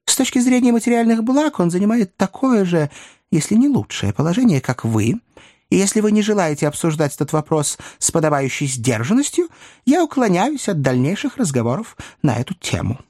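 Man doing a mild old gent, polite and earnest, lively pitch, a bit high. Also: fairly quick, no echo, clean studio sound, heavily acted. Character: mild kindly older gentleman defending himself.

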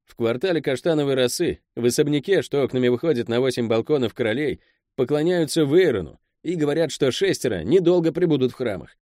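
A man's voice: mid-range voice, animated, quick pace, warm tone, no room sound, clean studio sound, voice pushed up, lightly acted. A man voicing an eager, deferential male henchman who keeps calling his boss master, in a raised voice. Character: Pel, wary fawning male henchman.

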